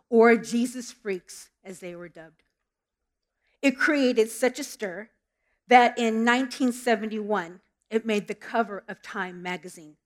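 In a church sanctuary, a middle-aged Southern Californian woman delivers a sermon with prayer in an earnest, storytelling way, occasionally restarting small phrases. Her voice sits fairly high.

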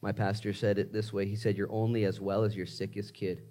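A man's voice: on the low side, little pitch movement, brisk. A man preaching a sermon in an emphatic, motivational way, talking straight to his listeners in conversational language with rhetorical questions. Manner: emphatic motivational preaching, swinging from hushed asides to raised exclamations. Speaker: pastor preaching.

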